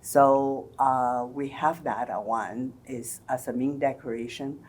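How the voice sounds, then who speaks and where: An older woman with a very low, mellow voice speaks slowly as a guest. She explains traditions carefully, in a storytelling way. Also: fairly even intonation, breathy edge. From China and Taiwan. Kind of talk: conversational interview.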